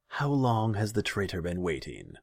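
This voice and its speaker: A man's voice: fairly low pitch, huge pitch swings, normal speed, creaky, darkish tone, slightly rough, dry recording, voice pushed up, full character voice. A man voicing a cruel, theatrical male khan who sneers and commands. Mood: impatient.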